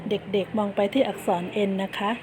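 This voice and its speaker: A woman teaching kindergarten children in an online lesson. She coaxes them patiently and spells words out slowly, one letter at a time. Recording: steady background noise.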